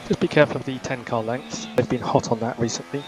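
A man speaks as a race engineer over team radio in a race car. His instructions come in short, clipped phrases, with key calls repeated. Car noise sits clearly behind the radio sound. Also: medium pitch, steady tone, fast talker.

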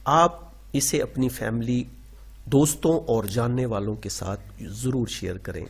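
A man's voice: medium pitch, a little mellow, husky. A man hosting a story channel, addressing viewers directly in a friendly intro and outro. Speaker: channel host.

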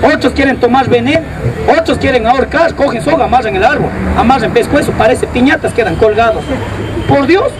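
Captured on a distant mic amid loud crowd and street noise, a man with a very high voice talks a little fast through a crude outdoor street comedy routine. He has an Ecuadorian Spanish accent and keeps addressing the audience as "brother".

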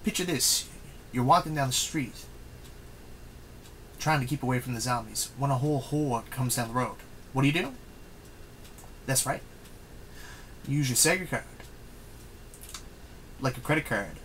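A man giving an energetic, playful YouTube rant about retro game consoles. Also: mid-range voice, normal speed, pauses often, a little hiss or hum, poor audio. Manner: hyped, emphatic, playful. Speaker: guest video maker.

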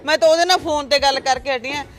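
Soft music plays behind a woman who speaks fast and fairly brightly as a wounded, defensive older mother in a family drama skit. She pleads and mourns with an aggrieved indignation, and when anyone challenges her, she snaps back with her voice climbing.

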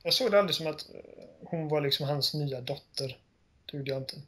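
A man chatting on a gaming podcast, his voice sitting a little high for a man. He tells stories in an animated way and acts out the lines of the characters as he goes. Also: slightly rough. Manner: animated storytelling, acting out game lines. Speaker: podcast co-host. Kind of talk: casual chat.

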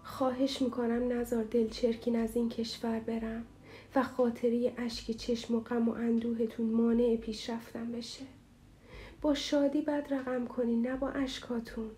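A woman voicing an earnest young man in an audiobook, speaking in a gently reassuring, tender but determined way. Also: on the high side, little pitch movement, a little hiss or hum, natural voice.

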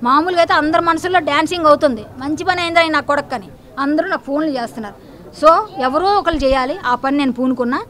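Fiery fast-talking woman. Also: sits high, a bit bright. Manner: fiery, defiant, rapid-fire and accusatory. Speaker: interviewee. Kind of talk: heated news interview.

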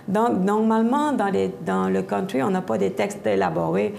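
A middle-aged singer-songwriter from Havre-Saint-Pierre, Quebec, speaks with an Acadian French accent in a strongly gravelly yet mellow voice of medium pitch at normal speed. On a TV studio set she gives animated interview answers, gesturing a lot, with many fillers and restarts. Faint noise lies beneath her lapel mic.

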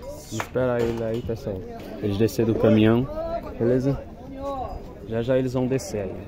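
A man's voice: mid-range voice, flat delivery, brisk. Man, casual phone vlog, outdoor market, crowd chatter behind, talks to viewers. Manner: talks straight to viewers, pointing things out. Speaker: vlogger filming a cattle fair. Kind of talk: casual phone-camera commentary. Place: outdoor cattle market pens. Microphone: handheld phone camera. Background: crowd and vehicles at an outdoor fair.

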